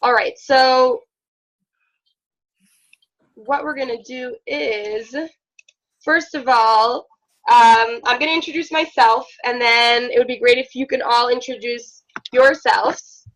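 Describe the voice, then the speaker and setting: Israeli woman, high pitch, near-American accent; friendly instructor on a video call. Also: fairly even intonation, fairly bright tone, low-quality recording. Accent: slightly unusual American-sounding English, Israeli-born. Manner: friendly, measured, with many fillers. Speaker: Hebrew instructor. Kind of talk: online class introduction.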